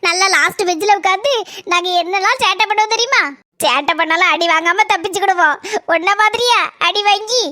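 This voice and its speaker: Woman doing a squeaky boastful schoolgirl. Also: a little fast, sharp tone, no room sound, studio quality. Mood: teasing. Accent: southern Tamil (Tirunelveli–Kanyakumari). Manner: boastful, teasing chatter. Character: chatty mischievous schoolgirl. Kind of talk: cartoon comedy voice acting.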